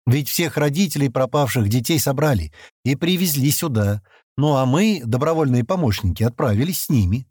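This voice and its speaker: A man doing a sharp polite young guy. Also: mid-range voice, lively intonation, breathy edge, dry recording, studio quality. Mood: calm. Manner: measured, businesslike.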